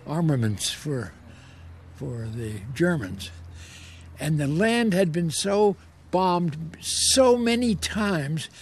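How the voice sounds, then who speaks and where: A man's voice: fairly high pitch, darkish tone, breathy edge. An elderly American man, an old war veteran, remembering his service in an interview, telling it unhurriedly and repeating words for emphasis. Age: 80s or older. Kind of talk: reminiscing in an interview.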